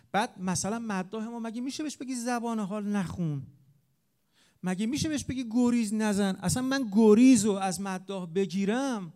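A man gives a heated talk to a gathered audience. His voice sits fairly high yet sounds warm and mellow. He jumps between loud, pressing rises and soft, low asides. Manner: animated, with sharp rises and drops in loudness. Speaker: speaker on religious eulogy singing. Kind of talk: impassioned lecture to an audience.

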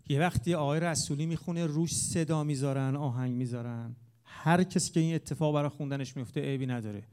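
A man gives a heated talk to a gathered audience. His voice sits fairly high yet sounds warm and mellow. He jumps between loud, pressing rises and soft, low asides. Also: clear, resonant tone. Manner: animated, with sharp rises and drops in loudness. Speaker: speaker on religious eulogy singing. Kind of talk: impassioned lecture to an audience.

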